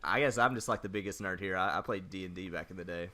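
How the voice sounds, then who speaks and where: A man's voice: sits low, fast talker, pushed and bright. A man, a guest on a casual gaming podcast, cracking teasing jokes. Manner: joking, teasing.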